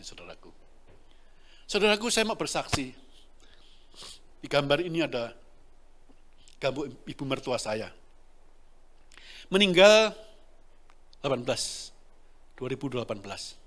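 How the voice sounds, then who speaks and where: A man's voice: mid-range voice, a bit bright. A middle-aged man preaching a sermon, talking directly to the congregation and laughing between lines.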